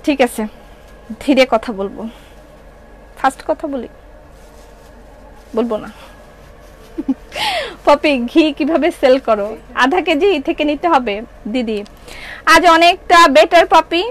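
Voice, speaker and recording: A woman's voice: sits high, a little hiss or hum, low-quality recording. A middle-aged woman with a Bangladeshi Bengali accent selling clothes on a live stream, chatting and answering viewer comments. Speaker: online shop seller. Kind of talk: live-stream product sale.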